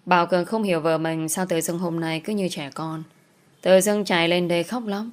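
A woman reading a romance story aloud as its narrator, in a steady, even storytelling delivery. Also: on the low side, a little fast. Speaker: audiobook narrator.

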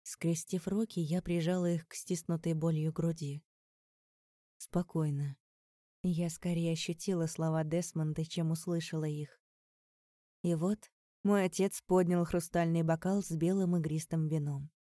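A woman with a low, mellow voice reads a first-person audiobook. Her delivery is measured and steady, and the recording is close and dry. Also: no echo. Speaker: audiobook narrator.

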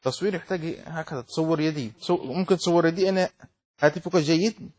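A middle-aged man who teaches Islamic law explains a text to his class, talking fast with a fairly high, even-toned voice. He keeps asking questions and checking whether the students have understood.

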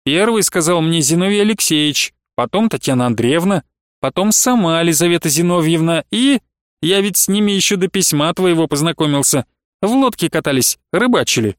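A man's voice: a little high, animated, fairly quick, no room sound, studio quality, close to an everyday voice. A man doing a boisterous, teasing young merchant. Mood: jovial teasing. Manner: loud, hearty, teasing.

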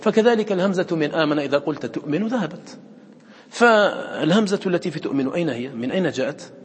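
A man's voice: fairly high pitch, animated, fast, in a large hall. A man teaching a class on recitation, repeating words aloud and quizzing his students with questions.

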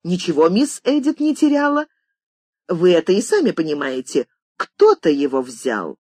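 Voiced by the audiobook reader, a wealthy lady snaps at her maid in a high, agitated voice. Her pitch swings widely between flustered and shrill. The tone is slightly husky and dry. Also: wildly swooping pitch, normal speed, darkish tone, no echo. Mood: indignant. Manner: flustered, then shrill and indignant.

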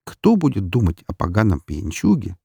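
A man reading an adventure audiobook as narrator, with expressive storytelling delivery. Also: fairly low pitch, moderate pace, creaky, husky, no room sound, clean studio sound.

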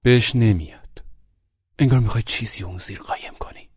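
A man's voice: lowish voice, breathy edge, dry recording, dull audio. A man voicing a blunt, sardonic young man in an audiobook, with curt, teasing lines. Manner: curt, teasing, matter-of-fact. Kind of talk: audiobook character reading.

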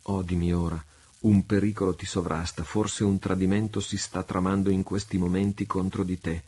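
A man's voice: deep voice, level tone, moderate pace, mellow, breathy edge. A man reading as a pleading young noblewoman. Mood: imploring. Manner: urgent, imploring.

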